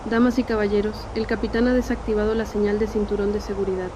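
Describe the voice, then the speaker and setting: A woman's voice: mid-range voice, very fast. A woman making a scripted, formal cabin announcement over the intercom as a flight attendant in a game. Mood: polite. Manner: polite, even, formal delivery. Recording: dull, muffled intercom sound with engine hum behind. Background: cabin engine hum.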